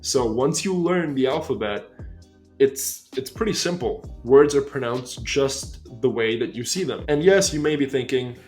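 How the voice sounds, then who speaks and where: A young American man in his twenties hosting a language-learning video, giving an upbeat scripted explainer and slowing down to stress key points. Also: mid-range voice, expressive, a little mellow, faint music behind. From United States.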